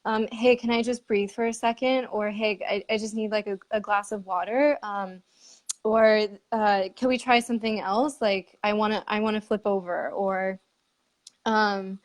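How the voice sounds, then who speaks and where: A woman's voice: mid-range voice, fairly even intonation, normal speed. A woman hosting a conversational interview, speaking candidly with frequent laughs and fillers. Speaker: podcast host. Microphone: remote live stream.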